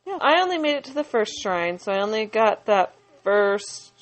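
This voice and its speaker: A woman's voice: mid-range voice, sing-song, moderate pace. A woman in her thirties chatting playfully as a guest on her husband's podcast. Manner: chatty, playful, laughs easily. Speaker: podcast guest, host's wife. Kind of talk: casual chat.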